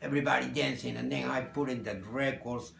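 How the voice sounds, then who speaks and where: A man from Peru with a Spanish accent, a guitarist answering interview questions in halting English. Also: medium pitch, steady tone, creaky, fairly bright tone, echoey room, slight background noise. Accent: Peruvian Spanish. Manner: halting, searching for English words. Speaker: guest guitarist. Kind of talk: interview conversation.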